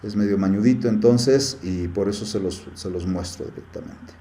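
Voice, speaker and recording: A man's voice: lowish voice, moderate pace, dark tone, echoey room, slight background noise. A man teaching a live class, chatty, with many fillers and often checking in with the students. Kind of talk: live class screen-share tutorial.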